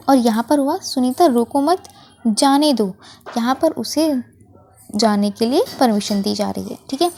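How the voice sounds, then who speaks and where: A female teacher with a slightly high, darkish voice patiently walks children through a worksheet lesson. She explains slowly and corrects herself often.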